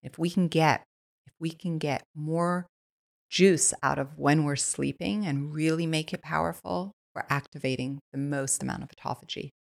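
Her voice is deep and gravelly, with fairly even intonation and a moderate pace. She's a guest on a podcast, a woman from Switzerland sharing stories enthusiastically and casually, leaning heavily on "like."

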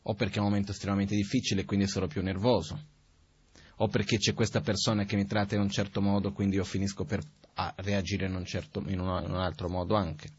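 A man giving a Buddhist teaching in a calm, conversational way, asking rhetorical questions as he goes. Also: low voice, fast, slightly rough. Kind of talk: spoken dharma teaching. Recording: dull, dry, lo-fi recording.

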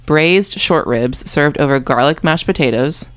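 A woman co-hosts a casual podcast in a low voice. She has a mild cold, so her speech sounds congested, as if through a stuffy nose. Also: a little slow. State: mildly sick with a cold. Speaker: podcast co-host.

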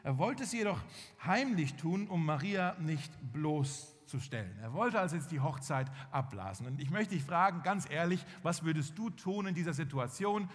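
A man's voice: a little high, lively intonation, moderate pace, faint music behind. A man preaching a sermon, telling the story vividly and acting out the dialogue. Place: church hall. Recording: long hall reverb.

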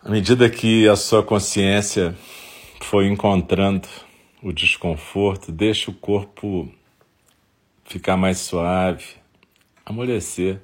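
Very deep, husky Brazilian man guiding meditation. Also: steady tone. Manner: unhurried instruction in short phrases with long pauses. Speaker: meditation guide. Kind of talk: guided meditation.

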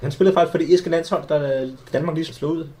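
A young adult man hosting a casual sports podcast, telling lively anecdotes with many restarts. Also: a little high. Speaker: podcast host. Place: small studio.

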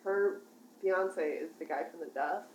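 A woman's voice: lowish voice, a little slow, a little mellow. A young woman chatting casually as a podcast co-host, her voice muffled and underwater-sounding. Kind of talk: casual chat. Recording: muffled underwater-like audio, echoey, faint noise.

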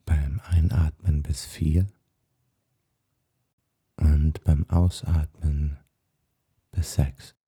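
A man with a soft, husky, breathy voice guides a meditation in a hushed, soothing manner, leaving long pauses. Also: very deep voice, flat delivery. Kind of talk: guided meditation, body scan.

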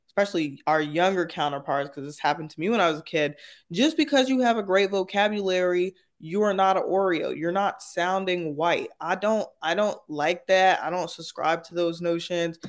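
A man's voice: high-pitched, normal speed. A man speaking as a panel guest, casual and opinionated, articulate and emphatic, peppering points with "like" and "right?".

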